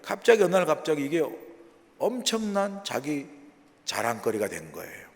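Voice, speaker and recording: A man preaching an early-morning sermon as pastor, earnest and animated, asking the listeners questions. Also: a little high, moderate pace, creaky, big-room sound. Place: church.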